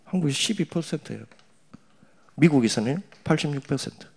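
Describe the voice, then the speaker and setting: A middle-aged pastor preaching a sermon, his voice husky and his pitch leaping up and down. He teases and chats with the crowd, dropping to near-whispered asides between louder lines. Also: lively intonation, brisk. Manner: teasing, conversational, swings from loud to hushed asides. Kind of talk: sermon to young adults.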